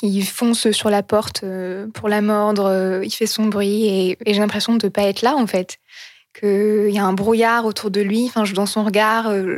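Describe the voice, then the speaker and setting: A woman telling a personal story in an earnest, halting way, often pausing to search for words. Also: mid-range voice, no room sound, clean studio sound.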